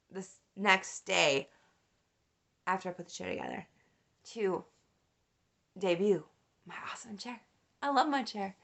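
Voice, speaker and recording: A young woman vlogger telling a story in a casual, animated way, swearing and laughing as she rants. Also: medium pitch.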